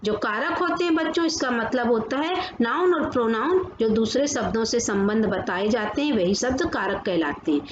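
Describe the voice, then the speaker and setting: Lady teacher doing a grammar class for kids, high voice, asks then answers herself, roomy dull lo-fi sound. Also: expressive. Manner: slows down to read out definitions. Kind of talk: grammar lesson for children. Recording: echoey room, dull lo-fi sound with faint noise.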